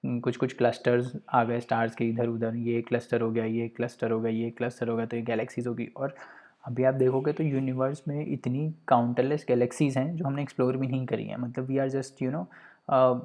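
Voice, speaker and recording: A man's voice: medium pitch, flat delivery, a little fast, a little mellow. A man teaching an online geography lecture, explaining step by step in a conversational way and slipping English phrases in. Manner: conversational, with frequent "you know" fillers.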